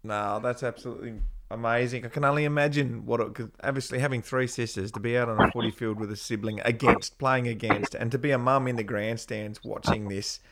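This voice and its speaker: A man's voice: medium pitch, fairly even intonation, a little fast, hardly any pauses. A man hosting a casual interview, encouraging his guest with brief affirmations. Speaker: podcast host. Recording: loud background noise.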